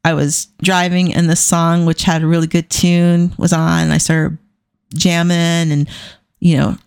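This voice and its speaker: A woman's voice: on the low side, level tone, a little slow, vocal fry, darkish tone, clear, resonant tone, no echo, clean studio sound. A middle-aged woman hosting a podcast alone, chatting casually with irreverent, self-deprecating humour. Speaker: podcast host. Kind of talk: casual solo podcast talk.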